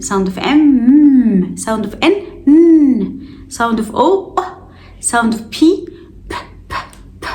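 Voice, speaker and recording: A woman with an Egyptian Arabic accent teaching a phonics lesson, who repeats the letter sounds slowly and playfully. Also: fairly high pitch, a little mellow, reverberant. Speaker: English teacher.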